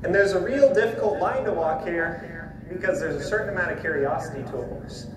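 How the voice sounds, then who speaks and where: A man's voice: fairly high pitch, a little fast. An American man with a folksy, plain-spoken manner, giving casual instruction as a horse trainer while he works. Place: live horse-trailer loading demonstration. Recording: distant, echoey, noisy live demo audio.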